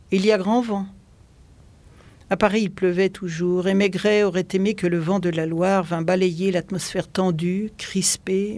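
A calm reader narrating a detective novel in an even, steady voice. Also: medium pitch. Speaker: audiobook reader. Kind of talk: literary narration. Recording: dry close recording.

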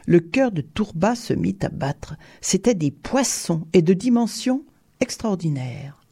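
A narrator reading a story in a measured audiobook manner. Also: medium pitch, warm tone.

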